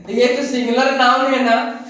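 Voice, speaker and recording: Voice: sits high, little pitch movement, normal speed, a bit bright. A teacher giving a classroom grammar lesson who repeats each point and keeps asking rhetorical questions, recorded in a classroom from a distance. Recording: echoey room, mic far off.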